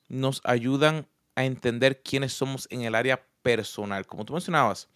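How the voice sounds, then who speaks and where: Here a man from Puerto Rico, speaking in a mid-range voice with a Puerto Rican Spanish accent, earnestly recounts personal experiences in a reflective conversation. The sound is clean studio audio with no room sound.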